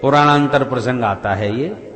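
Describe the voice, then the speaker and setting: A man's voice: medium pitch, moderate pace. A man preaching a devotional sermon, telling scripture stories with dramatic rises and falls. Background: devotional instrumental music.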